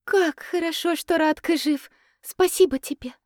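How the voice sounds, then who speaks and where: A woman doing a weepy, hushed young woman. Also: extremely high pitch, measured pace, dry recording, studio quality, voice pushed up. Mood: tearful. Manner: soft, tearful, hushed.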